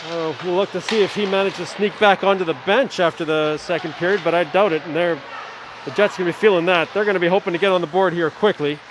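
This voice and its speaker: A fairly high-voiced, middle-aged man does amateur play-by-play of a live hockey game at an ice rink. He keeps a quick, relaxed pace, adds chatty, friendly asides between plays, and steady rink noise clearly sits behind him.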